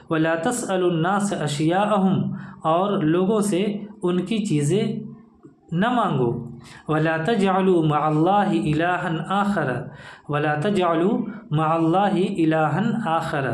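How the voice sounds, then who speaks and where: A man teaching an Arabic grammar lesson, reading each phrase aloud, then translating it word by word and naming the verb forms. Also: high voice. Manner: repeats phrases and names each verb form. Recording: echoey room.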